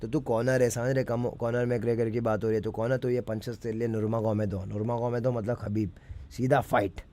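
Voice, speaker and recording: A rapper casually breaks down his own lyrics, blending English phrases into Hindi and frequently checking that the listener is following. His mid-range voice is mellow with little pitch movement, a bit fast, over slight background noise.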